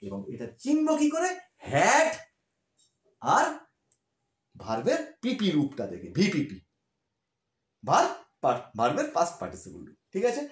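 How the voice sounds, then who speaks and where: Lively high-voiced man teaching grammar. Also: normal speed, pauses often, reverberant. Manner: explains step by step, asks questions and answers them himself; checks in often with short confirming questions. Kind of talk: grammar lesson for students.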